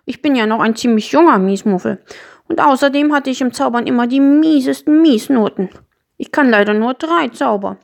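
A woman's voice: high-pitched, moderate pace, gravelly, pitched above the performer's own voice. A woman voicing a small, sad young grumpy magic creature in a storybook reading, plaintive and sighing. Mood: chatty.

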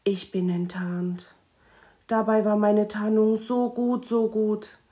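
A woman's voice: mid-range voice, slow pace, mellow, close to an everyday voice. A woman voicing a small, timid male Christmas imp who speaks in an anxious, whimpering way. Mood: frightened.

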